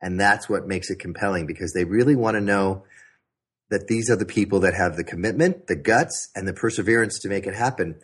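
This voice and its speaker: A man speaking as a guest on an interview show, coaching entrepreneurs on pitching through energetic, emphatic storytelling. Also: fairly quick, husky.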